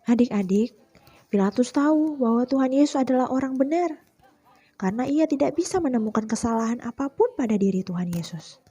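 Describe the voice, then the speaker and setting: Breathy woman telling a Bible story. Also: sits high, fairly quick. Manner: speaks directly to children, expressive. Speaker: Sunday school teacher. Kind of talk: storytelling to children.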